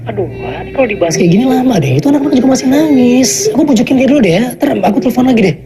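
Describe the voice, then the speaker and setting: A woman's voice: on the high side, very fast, over music, close to an everyday voice. An actress playing an affectionate young mother who coaxes her child. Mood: pleading. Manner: coaxing, animated. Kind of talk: film acting. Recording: noisy film audio.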